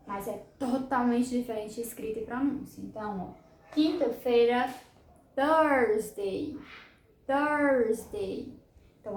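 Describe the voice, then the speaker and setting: A woman with a Brazilian Portuguese accent, teaching an English lesson and drawing out each word slowly so learners can repeat it. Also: fairly high pitch, darkish tone, roomy sound, slight background noise. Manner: slow, drawn-out model pronunciation of English words. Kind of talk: bilingual language lesson.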